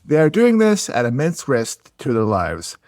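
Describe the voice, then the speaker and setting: A man's voice: mid-range voice, wildly swooping pitch, a little slow, a little mellow, no echo. A man co-hosting a casual podcast, narrating a history story and breaking into jokes and laughter. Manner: laughs often, jokey asides.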